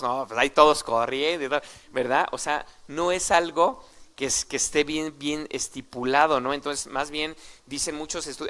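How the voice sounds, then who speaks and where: A man's voice: medium pitch, a bit bright. A man with a Mexican Spanish accent preaching a sermon in a conversational way, full of rhetorical questions and tag questions to the congregation. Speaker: pastor.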